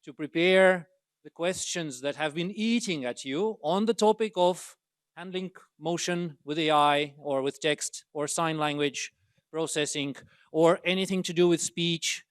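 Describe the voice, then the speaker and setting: A man hosting a university seminar speaks through a close, dry mic with a smooth, resonant voice pitched a touch high. He is earnest and halting, pausing often as he introduces the program. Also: no echo. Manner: hesitant, many uh fillers, earnest. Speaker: seminar host. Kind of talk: opening remarks introducing speakers.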